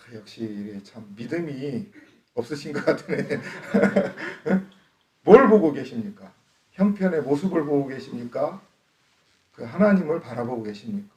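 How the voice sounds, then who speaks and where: A man's voice: medium pitch, big pitch swings, moderate pace, a little mellow. A middle-aged man from Chungcheong, preaching to his congregation in a joking way, laughing often and asking them questions. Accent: Chungcheong Korean. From Chungcheong, Korea. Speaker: pastor. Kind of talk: sermon. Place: church hall. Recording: echoey church hall, distant mic.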